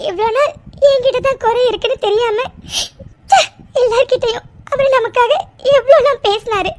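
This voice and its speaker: A woman's voice: extremely high pitch, moderate pace. A woman voicing a young married woman in a cartoon serial, sobbing and pleading. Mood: tearful pleading.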